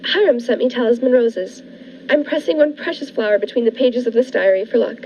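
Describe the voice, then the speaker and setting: A woman's voice: a little high, fairly quick, natural voice. A woman playing a naive, nervous newlywed bride in an old-fashioned radio thriller, speaking in genteel, dramatic, hesitant phrases. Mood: dreamy, sentimental. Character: naive, fluttery newlywed bride turning anxious and pleading. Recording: muffled lo-fi radio play, noisy background.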